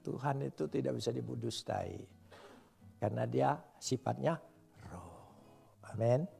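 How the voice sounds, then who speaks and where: A middle-aged male pastor preaching a sermon in a church, swinging between loud emphatic calls and soft asides and joking with the congregation. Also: medium pitch, unhurried, creaky, slightly rough, soft background music. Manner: jokes with the congregation in casual speech.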